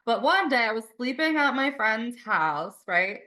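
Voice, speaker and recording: A woman's voice: fairly high pitch, animated, measured pace, pushed and bright. A young woman hosting a podcast, chatting and telling stories in a rambling way, full of "like" and casual swearing. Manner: rambling, lots of "like", swears freely. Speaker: podcast host. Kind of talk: casual chat and storytelling.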